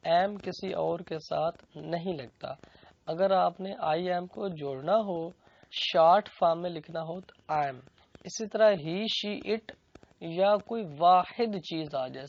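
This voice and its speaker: Unhurried and gravelly, this Pakistani-accented teacher explains grammar in two languages, saying each phrase twice and translating it. His medium-pitched voice is a little mellow, and the audio quality is dull and lo-fi.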